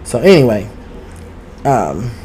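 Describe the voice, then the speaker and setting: Male podcast host, mid-pitched, sassy gossip chatter, streaming from home. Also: big pitch swings, slow pace, dark tone, slight background noise. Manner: sassy, outspoken, swears freely; talks straight to listeners. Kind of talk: casual gossip chat. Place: home studio. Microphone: streaming with two cameras.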